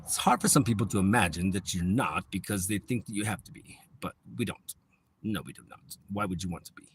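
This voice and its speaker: A man's voice: low voice, expressive, fairly quick, slight background noise. A man on a livestream, talking in a rambling, repetitive spiritual monologue that drifts into whispers now and then.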